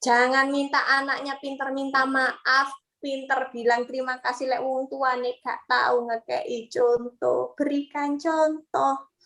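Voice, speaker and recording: A young woman giving a lively parenting seminar talk and acting out quoted parents and children. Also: high voice, takes it slowly. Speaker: parenting speaker.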